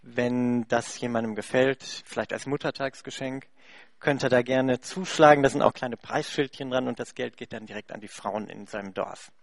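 A man's voice: mid-range voice, steady tone, normal speed, vocal fry, no echo, clean studio sound. A German man who heads a charity, interpreting for a guest and then telling a congregation a story, chatty and full of fillers. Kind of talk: speaking to a church congregation.

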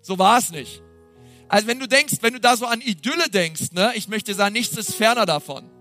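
A middle-aged man preaching a sermon as pastor, energetic and exclamatory, constantly addressing his listeners directly. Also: high voice, a little fast, soft background music.

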